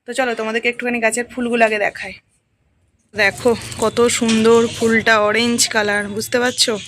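A young woman from Bengal speaking with a Bengali accent, chatting to viewers in a casual vlog as she walks her rooftop garden and picks flowers, talking a little softly. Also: a little high, little pitch movement, a little fast, slight background noise. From Bengal, India. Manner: chatty, walking tour, points things out while picking flowers. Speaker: vlogger, housewife. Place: rooftop garden of a home, outdoors.

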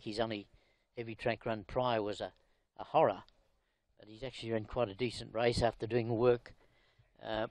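Man, mid-pitched, racing commentator reviewing a replay, punchy emphasis, dry booth sound. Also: darkish tone, dry recording. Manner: brisk, informal, rising emphasis on horse names. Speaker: race caller.

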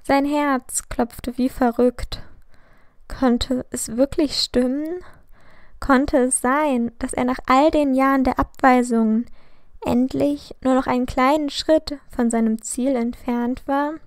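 Slow gravelly woman reading a story. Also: high-pitched, steady tone, no echo, clean studio sound. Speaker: fan fiction reader. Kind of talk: storybook narration.

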